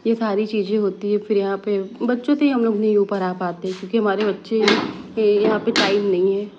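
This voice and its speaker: Young woman vlogger, chatty narration that slips into relatives' voices, mid-range pitch. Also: fairly quick, dull audio, a little hiss or hum. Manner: lively storytelling, acting out family members' lines. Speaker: vlogger narrating family footage. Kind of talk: casual vlog voice-over narration.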